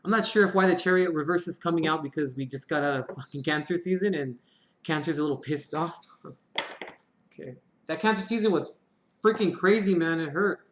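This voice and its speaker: A man's voice: on the high side, fairly quick. A man giving a casual live-stream tarot reading, chatty and swearing now and then. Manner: chatty, swears casually, murmured prayers to draw cards. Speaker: tarot reader. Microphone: live-stream mic. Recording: echoey room.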